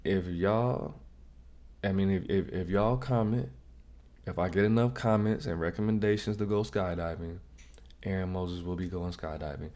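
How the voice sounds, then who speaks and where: A man's voice: sits low, fairly even intonation, moderate pace, warm tone. A man hosting a casual reaction vlog, giving direct, slangy advice and often repeating himself. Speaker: vlog host.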